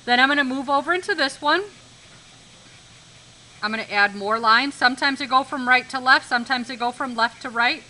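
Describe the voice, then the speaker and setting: Really bright sharp lady art teacher doing a class demo, bit high, some background noise, repeats stuff. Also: brisk, poor audio. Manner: instructive, repeats key points, checks understanding. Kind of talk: live classroom demonstration lesson.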